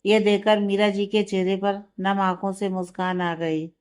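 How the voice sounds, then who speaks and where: Smooth-voiced woman narrating a story. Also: medium pitch, level tone, measured pace, darkish tone.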